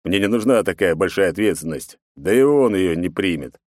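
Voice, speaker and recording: A man voicing a gruff, commanding middle-aged emperor and father in an audiobook. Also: sits low, lively intonation, normal speed, no room sound, clean studio sound. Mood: weary.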